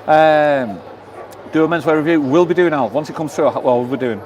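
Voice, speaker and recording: With crowd noise around him, a vlogger talks at a moderate pace in a fairly high voice. He runs a casual live stream, outdoors in a seaside town and later in a lounge bar, chatting and reading viewer comments aloud.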